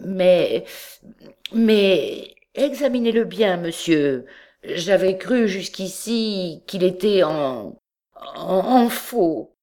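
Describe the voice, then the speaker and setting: A woman's voice: measured pace, darkish tone, close to an everyday voice. A woman voicing a flustered, timid middle-aged male clerk who stammers in a raised voice. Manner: stammering, higher-pitched.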